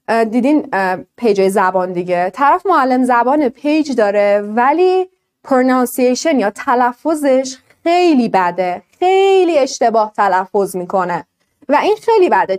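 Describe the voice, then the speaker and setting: High, lively woman teaching a class. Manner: lively, explains with questions to students. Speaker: English teacher. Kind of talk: online class lesson.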